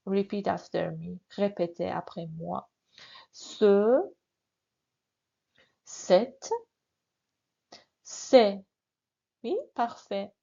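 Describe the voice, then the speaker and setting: A woman's voice: mid-range voice, creaky, mellow. A woman teaching a French grammar lesson, repeating words for learners and checking in with frequent "oui" and "n'est-ce pas". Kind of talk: slow, repetitive grammar lesson. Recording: dull lo-fi audio.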